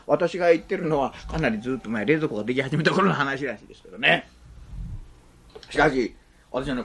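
Pastor, male, conversational sermon; breathy husky tone, wildly animated pitch. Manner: chatty, asks the congregation questions, adds "ne" often.

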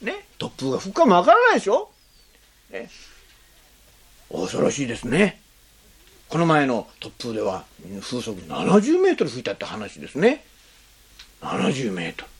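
Pastor preaching with wildly swinging pitch. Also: wildly swooping pitch, moderate pace, long pauses, breathy edge. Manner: rhetorical questions to the congregation; frequent tag "ne" between phrases. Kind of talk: sermon.

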